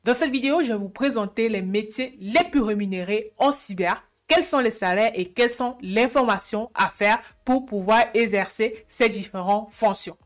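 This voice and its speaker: A woman's voice: a little high, normal speed, few pauses. A woman hosting her channel, welcoming viewers directly in an upbeat stream-style intro. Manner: greets and addresses viewers directly. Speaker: YouTube channel host.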